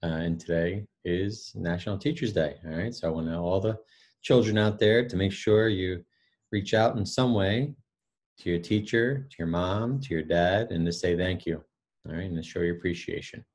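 A school principal reads out the week's announcements in a very low, steady voice. This man is encouraging and often pauses on "uh" between items. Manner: steady, encouraging, frequent "uh" fillers.

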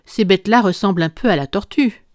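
A woman's voice: mid-range voice, a little fast, no echo, clean studio sound, close to an everyday voice. A woman reading an audiobook voices an impulsive, stubborn little girl who speaks eagerly and insistently.

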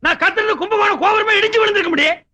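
A hot-tempered loudmouth groom. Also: male voice, very high voice, very fast, full character voice. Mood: exasperated shouting. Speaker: comic actor in a film scene. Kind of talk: film comedy acting.

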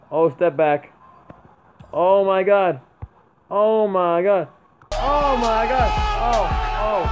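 A young man giving excited commentary over a mobile basketball game he plays, often bursting out at big plays. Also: mid-range voice. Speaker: gaming YouTuber. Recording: tinny lo-fi mic with faint noise.

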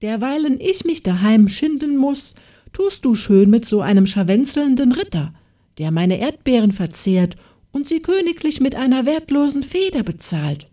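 A woman's voice: medium pitch, very animated, unhurried, dark tone, husky, recorded from a distance. A woman voicing a harsh, scornful farm wife in a fairy tale audiobook, scolding and mocking.

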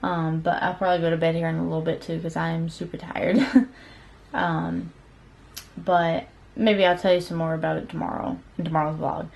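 A woman in her thirties vlogging at home at night, chatting fast and excitedly with frequent laughs. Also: sits low, gravelly. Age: 30s. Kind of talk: casual vlog chat.

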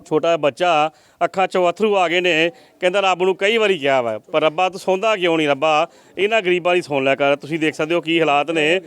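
A man's voice: a little high, fairly quick, hardly any pauses, a bit bright, smooth, dry recording. A man reporting from a poor family's village home, making earnest appeals to viewers for help.

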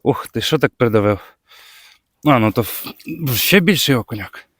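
A man from Ukraine with a Bukovina accent, chatting casually as he fishes on the ice outdoors, breaking into excited exclamations when a fish bites. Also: medium pitch, moderate pace, no echo, studio quality. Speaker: fishing vlogger. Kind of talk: casual commentary while ice fishing. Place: outdoors on a frozen lake.

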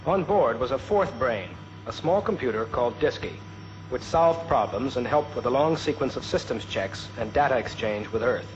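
A man reading scripted documentary narration in a solemn, measured, poetic manner. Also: medium pitch, expressive. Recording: dull archival film sound, noisy hum.

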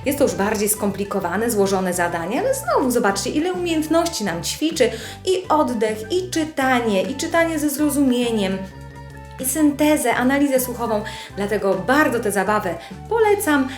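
A woman's voice: fairly high pitch, sing-song, normal speed. A woman speech therapist explaining children's learning games in a friendly, instructive way, speaking directly to parents. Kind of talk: instructional video presentation. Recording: echoey room with soft music.

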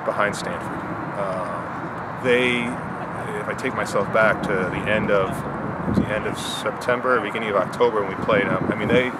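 A man's voice: lowish voice, normal speed. Man coaching, candid, on a noisy field. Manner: candid, plain-spoken, many fillers and restarts. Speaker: head coach. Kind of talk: post-game interview. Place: outdoor soccer field at night. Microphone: handheld interview mic, close framing. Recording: outdoor night, loud traffic noise.

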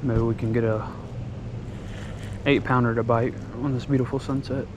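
Muffled, noisy camera audio carries a man's mid-range voice at normal speed as he films a fishing vlog outdoors by the ponds. He chats casually in slang, easygoing until a catch gets him excited.

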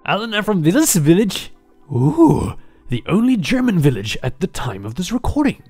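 A video game commentator talks through gameplay casually, playful and exclamatory, drifting into rambling asides. The voice sits mid-range with wildly swooping pitch, a normal pace, and a darkish, husky tone. Game music plays behind the voice throughout.

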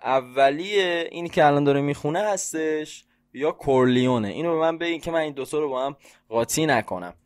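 A man from Iran hosting a reaction video, talking excitedly to his viewers and guessing aloud. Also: on the high side, dry recording, clean studio sound. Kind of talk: casual reaction commentary. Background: hip hop track playing.

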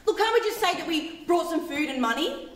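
A woman's voice: very high-pitched, sing-song, brisk, echoey room, recorded from a distance. An actress playing a fretful, exasperated mother reading a note from her daughters on stage. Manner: exasperated, laughing.

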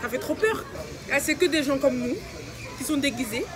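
A woman's voice: high-pitched, moderate pace. A woman, chatting casually in slang. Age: 20s. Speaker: vlogger. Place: outdoors at a busy funfair. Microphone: phone at arm's length. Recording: noisy outdoor fairground with crowd.

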